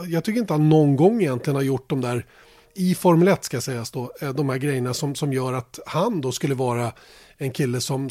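A man's voice: a little high, a little mellow, no room sound. A Swedish man hosting a casual motorsport podcast, thinking aloud with many fillers and restarts. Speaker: podcast host.

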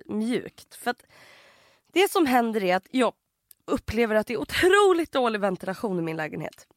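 Podcast co-host, woman, high bouncy voice, dry close sound, acts out stories. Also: no echo. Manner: animated storyteller, acts out others loudly. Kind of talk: casual chat.

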